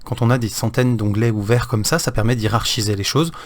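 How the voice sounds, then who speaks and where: A man's voice: medium pitch, fairly even intonation, a little fast. A man with a French accent walking viewers through a browser feature in a casual screen-recorded tutorial, with frequent fillers. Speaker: tech YouTuber.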